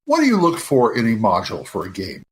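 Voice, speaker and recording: A man's voice: on the low side, wildly swooping pitch, fast talker, slight background noise. A man of about sixty hosting a casual gaming podcast. He rambles and often restarts his sentences. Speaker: podcast host. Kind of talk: casual chat.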